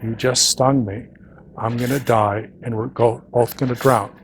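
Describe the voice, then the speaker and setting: A man's voice: medium pitch, fairly even intonation, measured pace, a little hiss or hum, natural voice, rough recording. A man voicing a panicky, exasperated talking frog in a spoken animal fable. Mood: despairing.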